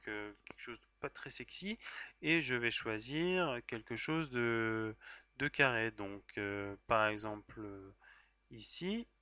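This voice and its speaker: A man with a French accent walks through a software task in a casual screen-recorded tutorial. His voice is bright and forward, and his delivery is chatty and joking, with plenty of fillers and self-corrections. The recording is dry and slightly dull, like a basic desk-mic voice-over. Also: medium pitch, no echo.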